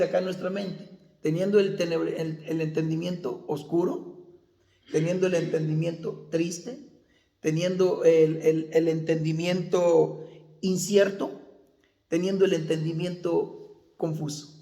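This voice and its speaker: High-pitched, gravelly pastor preaching. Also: male voice, level tone, unhurried, warm tone, roomy sound. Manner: preaching with questions to the congregation. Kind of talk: sermon.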